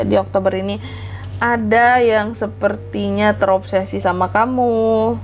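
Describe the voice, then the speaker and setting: A woman's voice: mid-range voice, slight background noise. A woman hosting a casual tarot horoscope reading, chatty and informal, speaking directly to listeners with a congested, nasal voice from a blocked nose and flu. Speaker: tarot reading channel host. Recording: music behind the voice. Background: background music.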